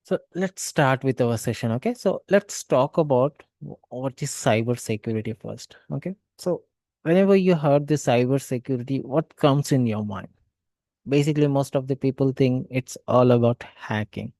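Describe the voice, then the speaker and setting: Dark-voiced male trainer, dry sound. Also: medium pitch, moderate pace, dry recording. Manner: explanatory, repeats okay so. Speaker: cybersecurity trainer. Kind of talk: online lecture.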